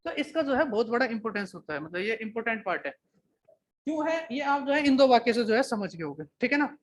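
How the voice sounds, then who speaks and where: Guy teacher w a high voice, lecturing a class, says things twice n keeps asking if everyone's got it. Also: sing-song. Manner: dictates slowly, repeating phrases, constantly checking in with students. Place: coaching classroom.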